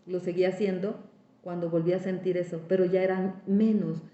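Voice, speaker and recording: A woman recounts her spiritual recovery in testimony, talking directly to those listening and reiterating words for emphasis. Her voice sits on the low side, warm but flat, at a moderate pace; the recording is lo-fi, echoey, and dull.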